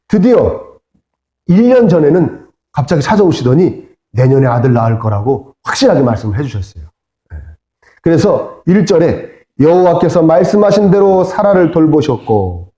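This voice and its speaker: A male pastor preaching a sermon, animated, sometimes acting out the voices of figures from the story. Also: a little high. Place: church sanctuary. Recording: echoey church hall.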